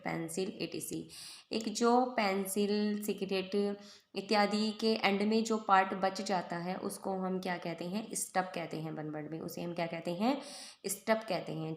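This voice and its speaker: A woman's voice: fairly low pitch, gravelly, echoey room. A woman teaching English vocabulary for exams, switching between Hindi and English, repeating each word and asking and answering her own questions. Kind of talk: Hindi-English exam coaching lesson.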